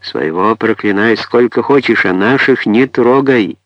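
A man reading an audiobook voices a middle-aged laundry woman shouting and scolding. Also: lowish voice, animated, a little slow, no echo, highs cut off.

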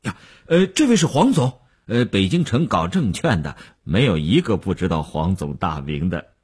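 A man voicing an eager, fawning young man who flatters important guests with many hesitations. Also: sits low, normal speed, breathy edge, full character voice.

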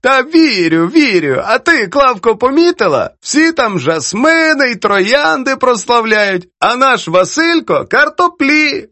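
A man voicing a merry elderly woman children's poet who teases and mocks her editor. He reads it in a high, lively voice. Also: a little slow, hardly any pauses, dry recording, full character voice. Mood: mocking. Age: older. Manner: teasing, laughs easily.

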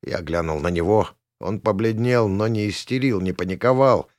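A man reading a first-person audiobook in a gruff, colloquial way. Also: on the low side, moderate pace, no echo, studio quality. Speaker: audiobook narrator.

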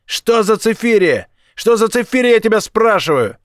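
A man voicing a hot-tempered young male thug who yells crude threats in a raised voice. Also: high voice, very animated, normal speed, dry recording, studio quality, pitched above the performer's own voice. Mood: furious yelling. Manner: yelling, crude, furious.

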